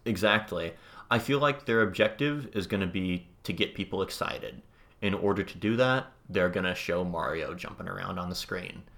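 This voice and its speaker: A man with a notably low voice talks casually on a podcast. He hedges, restarts his sentences and slips into dry sarcasm. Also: moderate pace, creaky, a bit bright. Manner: sarcastic, hedging, restarts often. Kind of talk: casual chat.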